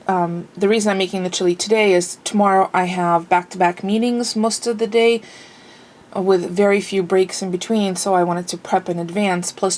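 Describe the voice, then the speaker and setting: Speaking in a fairly low, slightly mellow voice, a woman rambles through a casual vlog from inside her home. She's chatty and a touch sniffly, leaning heavily on fillers.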